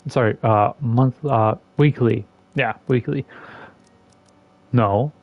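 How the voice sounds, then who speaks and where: The audio is dry, narrow, and tinny as a man speaks slowly, ranting with sarcasm about a game during play. A gaming content creator, he delivers casual, exasperated commentary marked by lively changes in pitch and volume.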